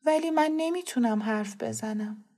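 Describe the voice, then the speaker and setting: Brief: woman voicing a timid, stammering little boy, soft and slow, for an audio story. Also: fairly high pitch. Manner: hesitant, quiet, stammering. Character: shy, timid young boy who stammers.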